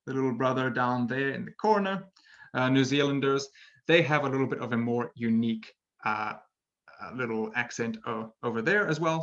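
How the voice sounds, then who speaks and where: Over a computer microphone with dull sound, a man teaches English in a relaxed online webinar. His voice sits in the mid range and is fairly bright. Playful and talkative, he chuckles at himself and tacks "right?" onto his sentences.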